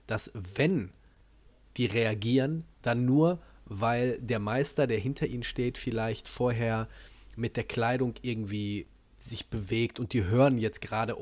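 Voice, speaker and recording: A man's voice: medium pitch, darkish tone. Podcast host guy, casual, blunt, says what he thinks. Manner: blunt and dismissive, openly opinionated.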